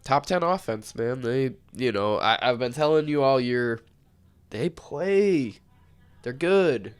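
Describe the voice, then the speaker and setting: A man of middle pitch with a smooth, resonant voice, hosting a casual sports betting chat. He talks bluntly and easily, swears now and then, and sounds sick, as if he is losing his voice. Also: lively intonation, slow. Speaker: podcast co-host.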